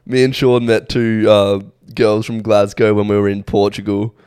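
Laid-back young Australian man, smooth voice. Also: lowish voice, little pitch movement, normal speed, a little mellow, no echo, clean studio sound. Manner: laid-back, rambling storytelling with many fillers. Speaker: podcast host. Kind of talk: casual chat.

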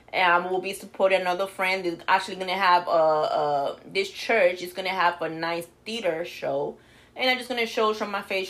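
A woman's voice: medium pitch, a bit bright. A woman co-hosting a casual talk show, swearing freely and slipping Spanish words into her chat.

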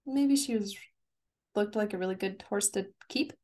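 A woman co-hosting a podcast in casual chat, playful with quick reactions. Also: medium pitch, warm tone. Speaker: podcast co-host.

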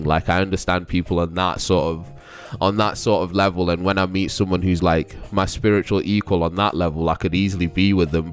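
A young man with a London accent chatting casually as a vlogger, rambling and slangy. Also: deep voice. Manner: rambling, slangy, often breaks into chuckles. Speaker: vlogger giving commentary. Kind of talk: casual chat.

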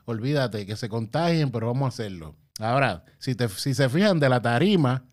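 Man, Puerto Rican accent, mid-pitched voice, casual ranting monologue, blunt, heated, profane. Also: lively intonation, fairly quick, darkish tone.

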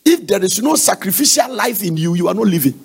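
A man's voice: high-pitched, lively intonation, fast, creaky, breathy edge, soft background music. A man preaching an earnest sermon, exhorting and telling family stories. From Nigeria.

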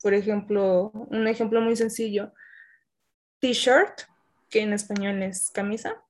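A woman's voice: mid-range voice, fairly even intonation, a little slow. A woman, an English teacher, explaining at length in a casual interview with many fillers.

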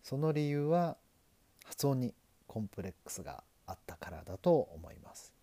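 A middle-aged lawyer from Japan hosting a solo podcast, talking in an earnest, self-deprecating, measured way. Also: male voice, mid-range voice, big pitch swings, warm tone, no room sound. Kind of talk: solo podcast talk on learning English.

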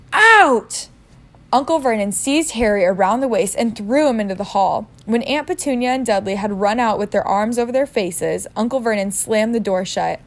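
A woman's voice: medium pitch, a little mellow. Casual woman reading a novel aloud. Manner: casual, jokes about her own misreadings. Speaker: reader.

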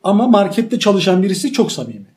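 A man's voice: sits high, sing-song, quick pace, a little mellow. A man guest in a casual comedic chat, teasing the others and explaining with everyday examples. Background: audience laughter.

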